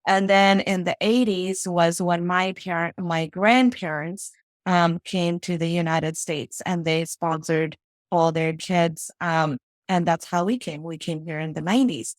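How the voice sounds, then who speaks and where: A woman's voice: lowish voice, fairly even intonation, a little slow, dry recording. A woman from Fiji, a financial strategist, speaking as a guest in a casual interview and telling her story reflectively, often checking in with "right?" and "you know".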